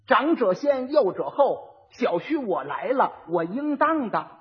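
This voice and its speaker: Brief: sharp young bride coaching her husband, put on by a man, high husky voice. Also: sing-song, a little slow, full character voice. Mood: instructing. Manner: scolding, instructive. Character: clever exasperated young bride. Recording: dull old archive recording with long reverb.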